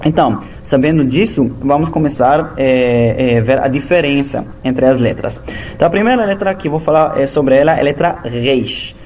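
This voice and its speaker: Halting man teaching pronunciation. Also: mid-range voice, a little mellow, slight background noise. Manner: slow, halting, methodical explaining. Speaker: Hebrew teacher. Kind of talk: language lesson.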